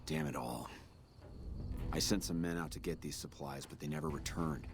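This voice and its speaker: A gloomy video game quartermaster with a very deep voice. He sounds like a weary, resigned soldier, with some faint noise and ambience behind him. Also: moderate pace. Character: gloomy, weary military quartermaster, adult man. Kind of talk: video game character dialogue.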